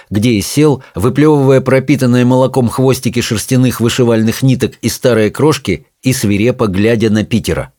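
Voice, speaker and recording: A man narrating an audiobook in a measured, expressive reading style. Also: medium pitch, dry recording, studio quality. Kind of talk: scripted narration.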